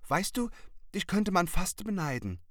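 A man's voice: sits high, sing-song, a little slow, fairly bright tone, dry recording, studio quality, pitched above the performer's own voice, full character voice. A man reading aloud and voicing a curious, cheerful young witch girl in a storybook tale. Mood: delighted.

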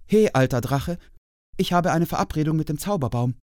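Timid young hare, nervous and high, read by a man. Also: expressive, fairly quick, darkish tone, no echo, studio quality, close to an everyday voice. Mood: brave.

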